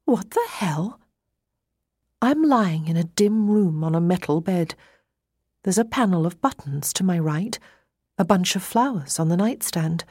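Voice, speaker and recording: Hungover, groggy young woman, slow and husky actress performing. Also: lowish voice, lively intonation, a little mellow, no room sound, clean studio sound. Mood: bewildered, alarmed. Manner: hungover, groggy, groaning and breathy. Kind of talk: first-person dramatised audiobook narration.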